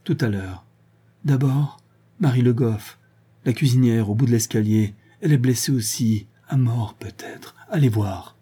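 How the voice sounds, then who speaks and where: A man's voice: medium pitch, moderate pace, dark tone, husky, lightly acted. A man voicing a wounded, loyal Breton maid who stammers out urgent words.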